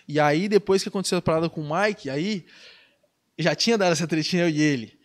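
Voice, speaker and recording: Brazilian man, podcast guest, high voice, rapid-fire slangy storytelling. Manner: animated, slangy, acts out quoted dialogue. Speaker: guest, pro surfer.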